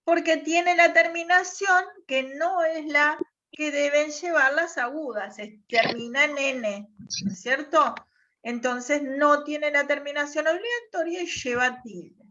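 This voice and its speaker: A woman's voice: sits high, a little slow, pushed and bright. A woman teacher, patiently explaining over a video call and checking with "¿tá?". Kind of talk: online class explanation. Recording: dull lo-fi video call audio.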